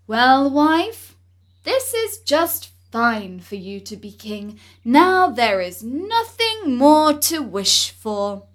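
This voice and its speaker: A woman voicing a timid poor fisherman who pleads anxiously and loudly in a storybook reading. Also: sits high, big pitch swings, slow, exaggerated voice. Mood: pleading.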